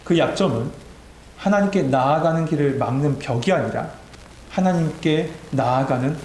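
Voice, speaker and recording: A male pastor delivers a sermon in a somewhat high voice and builds to emphatic, exhorting peaks. His words echo around a church sanctuary with a faint hum underneath. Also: normal speed, darkish tone.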